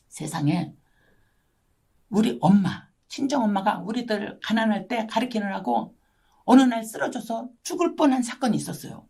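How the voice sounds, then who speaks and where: Husky older woman preaching dramatically. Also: mid-range voice. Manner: dramatic storytelling, constant tag questions to listeners. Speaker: missionary preacher. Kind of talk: testimony sermon. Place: church online gathering.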